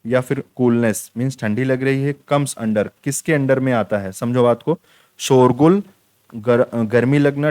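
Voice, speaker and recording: A young man at a middle pitch talks through exam questions for his students, repeating each key point and checking they follow. The sound is dry and close, with no room echo. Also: a little mellow, smooth. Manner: repetitive, drills points with "theek hai". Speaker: teacher. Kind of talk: online exam-prep lesson.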